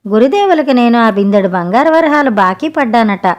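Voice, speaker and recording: Foolish proud king, easily flustered, storybook, woman reading the part, slightly high voice. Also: very animated, moderate pace. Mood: indignant.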